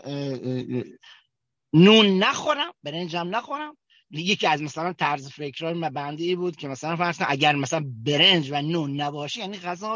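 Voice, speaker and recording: Kermani man sharing a halting testimony. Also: on the high side, fairly bright tone, no echo. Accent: Kermani Persian. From Kerman, Iran. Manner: halting, with many fillers and restarts. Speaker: recovery group member sharing his story. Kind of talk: personal testimony at a recovery meeting. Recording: dull, dry recording.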